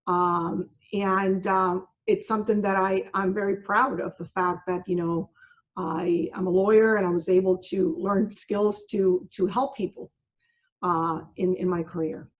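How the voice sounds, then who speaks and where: A woman's voice: medium pitch, steady tone, unhurried, poor audio. Earnest woman judge in her sixties. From Cuba. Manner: earnest, reflective, with frequent ums and you-knows. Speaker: judge being interviewed. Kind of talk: conversational interview answers.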